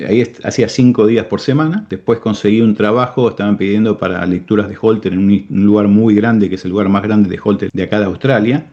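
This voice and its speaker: A middle-aged man with an Argentine Spanish accent, telling his story as a podcast guest in an animated way and tagging his lines with "¿viste?". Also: fairly low pitch, quick pace, few pauses, dull audio. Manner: animated storyteller, tags lines with "¿viste?", acts out quoted people. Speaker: podcast guest, business owner. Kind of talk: casual interview talk.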